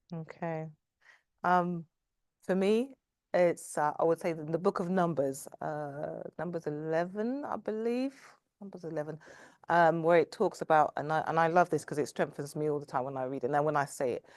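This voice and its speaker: A woman speaking thoughtfully, with pauses and fillers, as a guest in a faith discussion. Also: sits low, a little mellow, no echo, clean studio sound. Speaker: panel guest.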